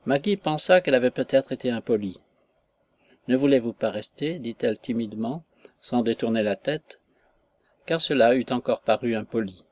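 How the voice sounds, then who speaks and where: Reading a classic novel aloud, a male audiobook narrator keeps a measured, even delivery. His voice is mid-range and the recording has no echo.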